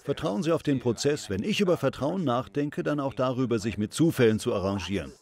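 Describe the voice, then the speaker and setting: A man's voice: medium pitch, expressive, brisk, creaky, a little mellow. A man hosting a faith talk show, introducing and interviewing a guest in an upbeat, encouraging way.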